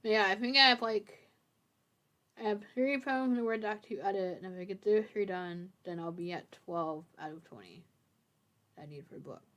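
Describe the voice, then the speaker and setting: A woman's voice: mid-range voice, normal speed, fairly bright tone. A woman hosting a casual writing livestream, playfully teasing her co-host and laughing often. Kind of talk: casual chat.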